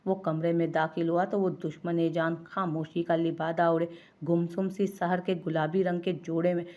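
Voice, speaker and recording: Female narrator for a serialized romance audiobook, steady and expressive, lower voice. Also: moderate pace, muffled recording. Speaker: storyteller. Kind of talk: novel reading.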